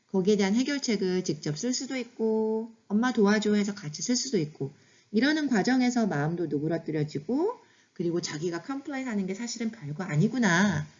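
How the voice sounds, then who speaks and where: A woman's voice: medium pitch, lively intonation, a little fast, a little mellow, muffled recording. A woman who is a mother hosting a parenting lesson, explaining situations in a chatty, instructive way before giving set phrases.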